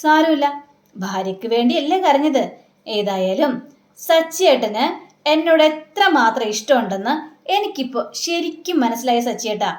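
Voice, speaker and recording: A woman's voice: high-pitched, animated, moderate pace. A woman voicing a playful young wife who teases and scolds her husband, in an echoey room. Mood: teasing. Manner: teasing, scolding questions.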